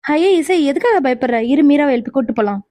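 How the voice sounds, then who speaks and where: A woman voicing a bossy young woman in a cartoon who scolds and nags, sharp-tongued. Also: high-pitched, expressive, fast, dry recording, studio quality. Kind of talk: cartoon voice acting.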